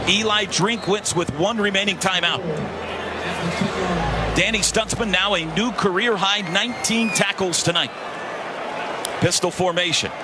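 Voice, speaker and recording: A man doing live radio football play-by-play as a sports announcer, speaking in clipped, classic broadcast phrases. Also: sits high. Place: stadium broadcast booth. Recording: loud stadium crowd and noise behind.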